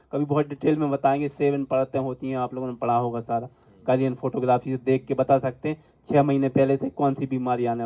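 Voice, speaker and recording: A man acting as a spiritual teacher, giving an earnest, instructive healing lecture to a class indoors and repeating points for emphasis. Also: mid-range voice. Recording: muffled lo-fi recording.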